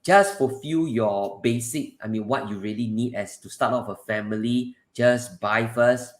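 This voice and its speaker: A man with a Singaporean accent hosting a casual live advice stream, conversational and repetitive, speaking straight to his viewers. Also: lowish voice. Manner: repetitive, conversational, often addresses listeners directly. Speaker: live session host and property adviser. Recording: roomy, echoing sound.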